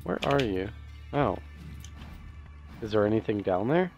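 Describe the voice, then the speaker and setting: A man's voice: fairly low pitch, lively intonation, unhurried, a little mellow. A young man commentating a game, laid-back and a little hesitant. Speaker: gamer. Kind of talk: let's play commentary. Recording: dull lo-fi mic. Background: game music and typing.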